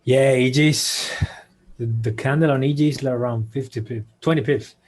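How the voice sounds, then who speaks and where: Man, fellow trader, mid-pitched, excitable, curses at the market. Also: moderate pace, slight background noise. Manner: excitable, swears at the charts. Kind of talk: casual trading chat.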